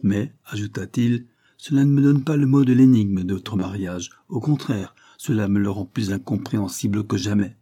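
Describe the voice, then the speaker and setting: A man's voice: on the low side, normal speed, few pauses, dark tone, slightly rough. A man voicing a stern, blunt old earl. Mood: stern, probing. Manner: pointed, questioning, rising emphasis.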